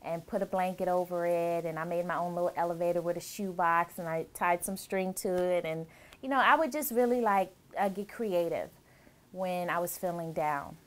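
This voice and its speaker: A woman's voice: lowish voice, moderate pace. A woman in her thirties who grew up in Germany, cheerfully recalling her childhood in a chatty interview with lots of laughs and fillers. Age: 30s. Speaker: interviewee, bride-to-be. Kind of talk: relaxed interview answers.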